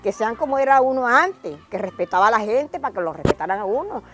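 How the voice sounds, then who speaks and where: An older woman with a Venezuelan accent, telling lively stories from her childhood in an interview and acting out cries in a high voice. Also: fast talker, soft background music. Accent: Venezuelan Spanish. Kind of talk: lively storytelling.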